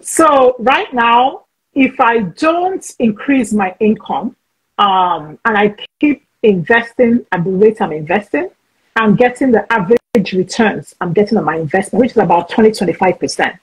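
Forties woman hosting over video call, chatty and blunt, raspy breathy voice. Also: medium pitch, expressive, normal speed, poor audio. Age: 40s. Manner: chatty, frank, talks over herself with restarts. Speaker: host. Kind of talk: casual video-call interview.

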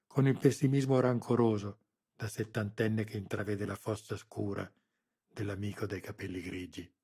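Husky, low-voiced male audiobook narrator. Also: a little mellow. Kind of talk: scripted narration.

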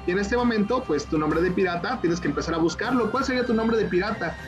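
A man, a teacher trainer hosting a children's event over a video call, talking in an animated, coaxing way and repeating himself. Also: high-pitched, fast talker, lo-fi sound, music in the background. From Mexico. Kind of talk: lively online workshop hosting.

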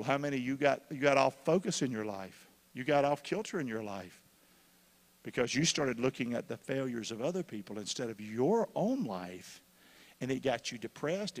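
A man preaching a sermon as pastor, questioning his congregation and bursting into shouts when excited. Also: medium pitch. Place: church hall. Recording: long reverb of a church hall.

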